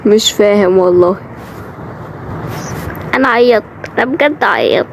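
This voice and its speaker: A woman with an Egyptian accent voicing a home-made animated drama, in quick, chatty lines that shift from role to role. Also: medium pitch, background noise.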